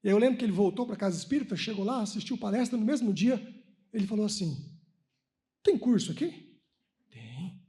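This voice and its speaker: A man's voice: sits high, quick pace. A man in his thirties from Brazil giving a spiritist lecture at a conference, telling personal stories and acting out the dialogue. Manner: animated storytelling, acting out dialogue. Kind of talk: sermon-like talk with personal stories. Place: lecture hall at a religious conference.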